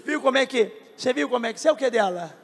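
A Brazilian pastor with a very high, gravelly voice preaches with fervent exclamations, questioning congregants and breaking into tongues. His voice rings through a large reverberant church hall. Worship music plays clearly beneath him. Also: expressive, very fast. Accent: Brazilian Portuguese. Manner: emotive and exclamatory, bursts into speaking in tongues; talks directly to congregants, questioning them. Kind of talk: prophetic preaching at a televised church service.

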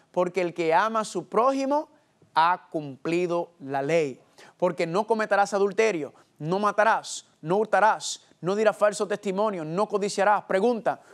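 Male preacher, high voice, expressive sermon, asks and answers his own questions. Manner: preaches expressively, slowing and pausing for emphasis.

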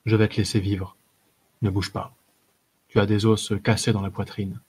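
A man's voice: fairly low pitch, level tone, normal speed, darkish tone, husky. A man voicing a wounded male warrior in an audiobook, who growls his short, terse lines. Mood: low, stern. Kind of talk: audiobook character voice.

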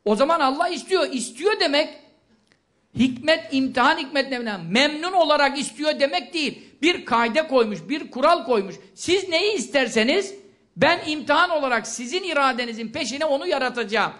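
A man giving a religious lecture, asking questions and answering them himself, with quick recited Arabic verses. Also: extremely high pitch, animated, fairly bright tone. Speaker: preacher.

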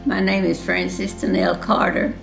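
Gravelly older woman. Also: mid-range voice, fairly even intonation, unhurried, over music. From Alabama, USA. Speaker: interviewee, former riveter. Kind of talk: personal testimony.

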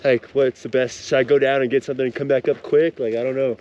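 A man's voice: medium pitch, little pitch movement, quick pace, darkish tone, highs cut off, slight background noise. Laid-back young man vlogging on skis. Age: young adult. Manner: laid-back, chatty, lots of "like" and "dude". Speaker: vlogger skier. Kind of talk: casual vlog talk. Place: outdoors on snowy ski slopes among trees. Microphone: action camera held at arm's length.

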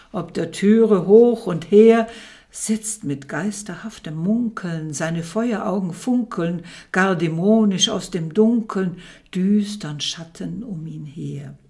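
A woman giving a theatrical poetry recitation, building to loud, impassioned outbursts. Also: lowish voice.

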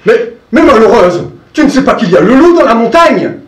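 A man's voice: very high voice, very animated, a little fast, voice pushed up. A man playing a fretful, protective old farmer who exclaims and stammers in alarm. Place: live performance room. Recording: roomy distant live recording, faint music.

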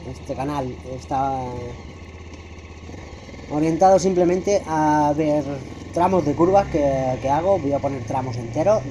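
A middle-aged Spanish motovlogger narrates his motorcycle channel in a casual, hesitant voice-over full of fillers, recorded separately from the ride. His voice is fairly high, and there is background noise.

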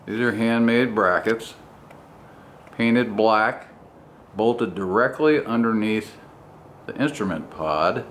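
A man's voice: on the low side, slow pace, pauses often, fairly bright tone. Man narrating casually over noticeable background noise. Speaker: motorcycle vlogger, home mechanic. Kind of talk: casual walkaround commentary on custom bike work. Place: home garage with open door. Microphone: handheld camera mic. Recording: noisy handheld recording in a garage.

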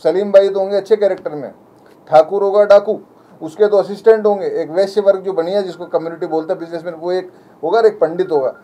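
A man's voice: sits high, steady tone, fast, mellow. A man speaking as a community representative at a press conference, insistent and appealing in a conversational way.

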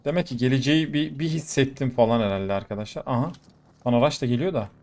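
A young man commentating his own gameplay live, excitable and quick to exclaim and swear in the middle of fights. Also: mid-range voice. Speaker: gaming YouTuber. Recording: faint game noise behind. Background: gunfire from the game.

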